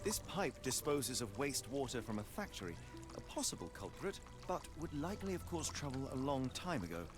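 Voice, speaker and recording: A formal male detective confronting a culprit in a game scene, voiced by a man, measured and stern. His pitch moves a lot, and music plays under the dialogue. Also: sing-song, lightly acted. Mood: thoughtful. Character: calm male detective investigating a poisoning.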